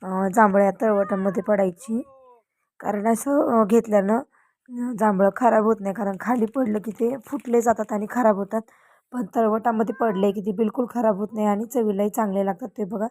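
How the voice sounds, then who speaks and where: Strolling outdoors on a farm, a young woman holds her phone and talks chattily to her viewers. Her voice is medium-pitched and dark-toned, with fairly even intonation at a moderate pace, over faint wind and outdoor sounds.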